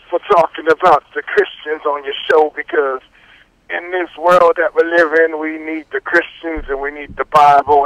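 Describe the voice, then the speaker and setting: A man's voice: a little high, fairly bright tone, no room sound. A man calling in to a radio show over the phone, a reverend who speaks in effusive, grateful praise. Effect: heard over a phone line. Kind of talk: call-in chat.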